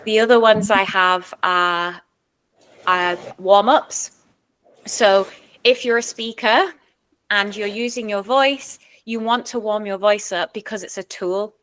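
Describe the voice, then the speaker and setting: A woman speaking coach and speech therapist answering interview questions, explaining clearly in numbered points. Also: mid-range voice, steady tone, takes it slowly, a bit bright. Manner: sometimes demonstrates techniques in her own voice.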